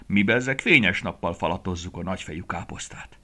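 A man's voice: low-pitched, bright, forceful tone. A man doing a cocky boastful little rabbit. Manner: cocky, sing-song boasting.

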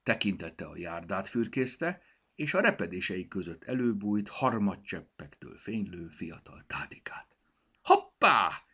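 A man reads a children's storybook aloud with expressive telling. His voice is very deep yet moves widely in pitch. It sounds bright with a husky grain. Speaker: narrator. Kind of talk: audiobook narration for children.

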